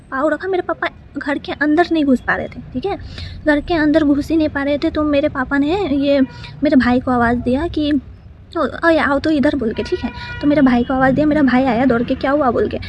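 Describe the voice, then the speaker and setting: A woman tells a personal story in casual, rambling speech, stopping often to restart and fill the gaps. Her voice sits high, and a faint background hum runs under it. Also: steady tone, fairly quick, darkish tone. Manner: rambling, with many fillers and restarts.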